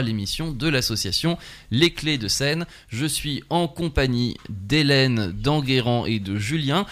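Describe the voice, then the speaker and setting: A man's voice: medium pitch, a bit bright. A man hosting a local radio show, chatting playfully with guests and running a silly game. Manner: playful, quick banter. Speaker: radio host. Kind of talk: casual radio show chat.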